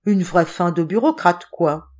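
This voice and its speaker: A woman's voice: lowish voice, expressive, unhurried, darkish tone. A woman reading the part of a sceptical, needling male office clerk who loves to scandalize his colleagues. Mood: mocking. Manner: sardonic, needling.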